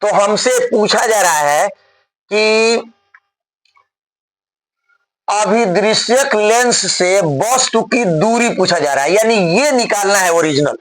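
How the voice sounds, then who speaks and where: A man's voice: sits high, animated, takes it slowly, long pauses, a bit bright, rough recording. A male physics teacher solving a problem on the board step by step in a classroom lecture, often checking whether his students follow.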